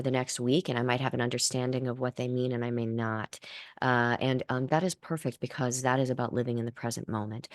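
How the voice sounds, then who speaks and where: A woman speaking as a seance medium and spiritual teacher, explaining channeling in halting, reflective, gently formal phrases. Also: very deep voice, no echo, clean studio sound.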